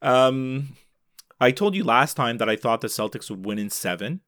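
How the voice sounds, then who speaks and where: A man's voice: medium pitch, animated, normal speed, fairly bright tone, no echo, studio quality. Chatty man co-hosting a podcast. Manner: chatty, many fillers and restarts. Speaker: podcast co-host. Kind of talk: casual chat.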